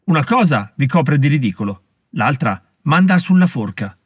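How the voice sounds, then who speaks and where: A man's voice: fairly high pitch, sing-song, moderate pace, husky, dry recording. A man doing a stern, haughty colonial official. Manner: lecturing, scornful threats.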